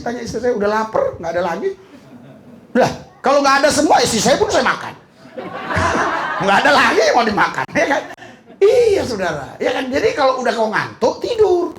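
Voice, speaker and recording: A man's voice: very high voice, very animated, normal speed, fairly bright tone. A middle-aged man preaching a humorous sermon as a pastor, joking and laughing as he goes. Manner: joking, laughing, mixing in slang. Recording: echoey hall.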